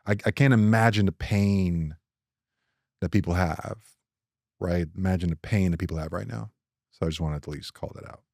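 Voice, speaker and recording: A man's voice: sits low, moderate pace, gravelly, long pauses, no room sound, clean studio sound. A middle-aged man from Nigeria, co-hosting a casual podcast and telling personal stories with many restarts and playful jumps in his voice. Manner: animated storytelling, many restarts, voice jumps up when joking. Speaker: podcast co-host.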